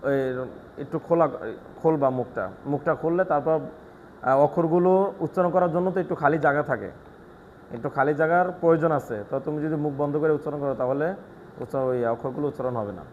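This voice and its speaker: A man giving a one-on-one lesson in Quran recitation, explaining pronunciation quickly and patiently, then reciting slowly. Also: a little high, darkish tone, muffled recording, slight background noise.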